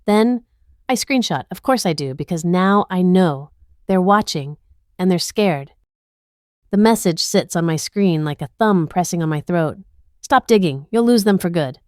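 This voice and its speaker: A woman narrates a dramatic first-person story in a tense, intimate, measured way. Her voice sits somewhat low. It sounds dry and close, with no room echo. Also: animated, a little mellow.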